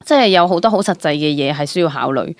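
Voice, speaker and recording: A young adult woman with a Hong Kong Cantonese accent, a stage actor, appears as an interview guest in a casual, candid chat. She tells stories animatedly, with exclamations and English words mixed in. Her fairly low voice comes quickly, in studio quality with no echo.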